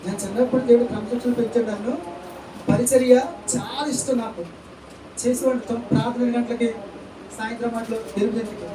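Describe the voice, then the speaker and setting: With a very high, level voice, this male pastor moves at a quick pace but pauses often as he preaches, sprinkling in rhetorical questions and calls of amen and hallelujah. The sermon is recorded in an echoey church hall on a distant mic, with faint ambience and crowd noise.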